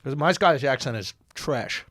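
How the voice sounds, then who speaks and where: A man's voice: mid-range voice, animated, normal speed, fairly bright tone, no room sound, studio quality. A man co-hosting a comedy podcast, joking crudely and laughing often in loose banter. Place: podcast studio.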